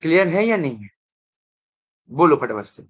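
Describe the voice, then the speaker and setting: A man's voice: on the high side, big pitch swings, moderate pace. A male math teacher giving an online exam revision lecture, mixing English terms into his talk and often asking whether students are following. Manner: keeps checking if students follow; mixes English terms into Hindi.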